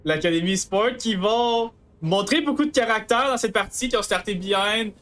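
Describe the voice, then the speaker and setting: A man's voice: high voice, moderate pace, fairly bright tone. A man with a Quebec French accent analysing an esports match live, mixing English gaming jargon into his speech.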